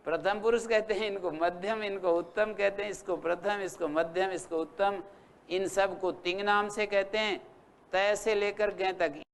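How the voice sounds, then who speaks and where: A man's voice: sits high, a bit bright, a little hiss or hum. A man teaching a Sanskrit grammar class, patiently quizzing his students and reciting word forms one by one. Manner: patient, drills students with questions and repetition; spells out word forms slowly. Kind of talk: classroom lecture.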